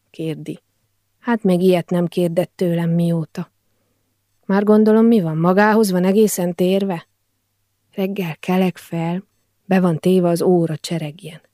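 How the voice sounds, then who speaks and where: Woman, audiobook narrator, quiet intimate first-person reading, near-whispered moments, mellow dark tone, dry close studio sound. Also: on the low side, no room sound.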